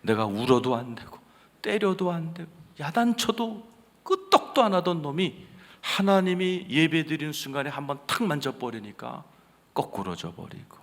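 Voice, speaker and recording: A man preaching a sermon as senior pastor, telling a story with sudden swings between loud outbursts and hushed asides. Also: mid-range voice. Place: large church sanctuary. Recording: reverberant church hall.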